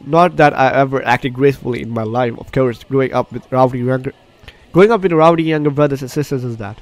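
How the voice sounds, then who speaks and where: Talking fast in a mid-range voice, this male gaming video host reads a playthrough's story aloud and reacts to it. He frequently trips over words and fixes them, while game music plays in the background.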